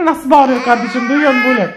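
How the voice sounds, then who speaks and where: A man's voice: extremely high pitch, quick pace. A man in his thirties, a father filming a casual family vlog at home, chatting playfully with his children and the viewers. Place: home, indoors. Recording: home video with clear background noise.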